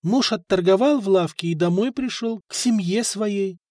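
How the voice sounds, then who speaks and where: Audiobook: male narrator as a lonely young princess, high, pleading and tearful, snapping into shrill outbursts. Dry close read. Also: moderate pace, darkish tone, no echo, lightly acted. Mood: sad.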